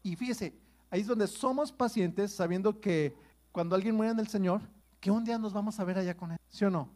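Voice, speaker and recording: A man's voice: high-pitched, a little fast, darkish tone. A man preaches to his congregation. His delivery is conversational, and he keeps checking in with his listeners as he reads and explains the scripture. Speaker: pastor. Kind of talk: sermon.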